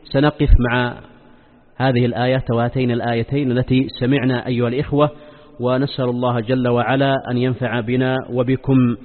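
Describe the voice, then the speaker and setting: A man's voice: medium pitch, level tone. Man lecturing in formal Arabic, echoing hall. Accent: formal standard Arabic. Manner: deliberate, repeats phrases and poses rhetorical questions. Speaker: religious teacher giving weekly Quran commentary lesson. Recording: long hall reverb, dull muffled sound.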